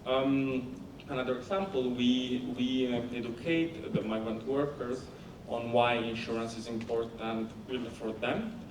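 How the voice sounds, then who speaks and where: A company founder with an Italian accent answers questions on a conference panel, halting often and restarting, with lots of fillers. His middling-pitched voice is captured from a distance in an echoey hall, over a steady low rumble.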